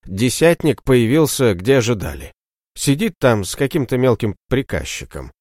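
A man's voice: medium pitch, big pitch swings, a little mellow, no room sound, studio quality, pitched above the performer's own voice. A man reading an audiobook, voicing a breathless young male errand boy who blurts out his news. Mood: hurried. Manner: blurts things out quickly.

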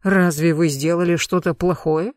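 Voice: mid-range voice, animated, measured pace, dry recording, clean studio sound, close to an everyday voice. A reader voicing a suave, cruel aristocratic lord in an audiobook, speaking with mocking courtesy and cold menace. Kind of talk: audiobook narration.

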